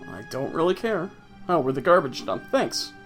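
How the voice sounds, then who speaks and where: A man's voice: fairly high pitch, lively intonation, brisk, fairly bright tone, soft background music. A man casually commenting on his own gameplay with wry, offhand, sarcastic asides. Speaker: let's play host.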